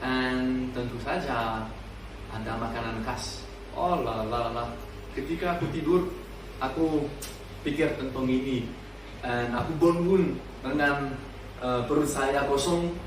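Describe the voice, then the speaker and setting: A man in his twenties from France with a French accent, speaking halting Indonesian as a foreign learner and casually telling personal stories. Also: mid-range voice. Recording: distant mic, echoey room, noisy background.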